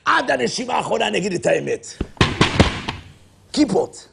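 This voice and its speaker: Shrill shouting man ranting in comedy. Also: very animated, creaky, heavy background noise. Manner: shouting, frantic, preachy rants. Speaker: comedic character performer. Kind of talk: over-the-top comedy sketch ranting.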